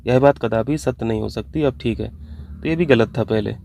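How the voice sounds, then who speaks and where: A man's voice: mid-range voice, brisk, vocal fry, dark tone, a little hiss or hum. A man teaching an online exam-prep lesson, working through answer options step by step and mixing English terms into his explanations. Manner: mixes English terms into Hindi. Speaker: Hindi teacher.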